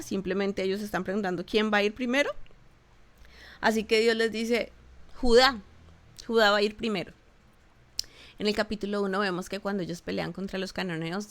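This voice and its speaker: A woman pastor with a Colombian accent teaching a Bible passage in a conversational sermon, acting out the people's prayers in their voices. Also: mid-range voice.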